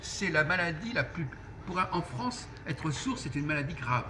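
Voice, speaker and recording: A man's voice: fairly high pitch, very animated. A man explaining his ideas in casual café conversation, lecturing with many restarts. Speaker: host. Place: busy fast-food restaurant. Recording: crowd noise of a fast-food restaurant.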